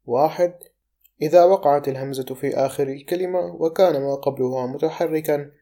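Measured male teacher reading numbered rules and example words, mellow tone. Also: on the high side.

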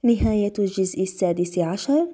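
A woman reading classical poetry aloud in a measured recitation, pausing for short explanatory glosses. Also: mid-range voice, animated, warm tone, breathy edge. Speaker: reader.

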